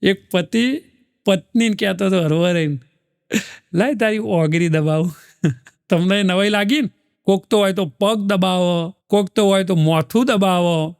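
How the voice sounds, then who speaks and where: A male comedian with a Gujarati accent tells folksy marriage jokes on stage, his voice pitched high for a man. He keeps it animated and slips in quick voices for the people in the stories. The sound is dry and close. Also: clear, resonant tone, dry recording. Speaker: stand-up comedian. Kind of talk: Gujarati stand-up joke telling.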